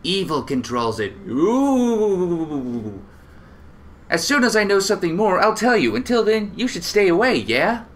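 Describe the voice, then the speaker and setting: A man voicing a blunt young swordswoman raised in the mountains, talking in a brisk, plain way. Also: high-pitched, sing-song, fairly bright tone, full character voice. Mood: blunt serious.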